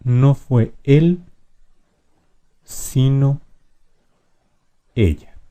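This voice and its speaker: A man explaining spelling rules in a lesson, patiently addressing the viewer directly and drawing out example words slowly. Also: medium pitch, mellow. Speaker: language teacher.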